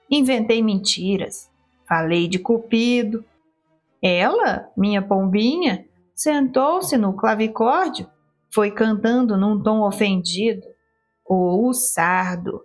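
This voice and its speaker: A woman reading a first-person literary story aloud in an expressive, theatrical storytelling manner. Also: medium pitch. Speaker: audiobook reader.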